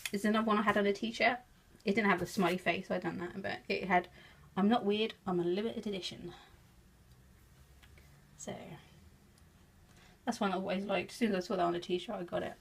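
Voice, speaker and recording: With a creaky, breathy-edged voice of medium pitch, this woman speaks fairly fast and evenly, broken by long pauses. An English-accented craft vlogger from England, she chats about her projects in a giggly, self-deprecating show-and-tell.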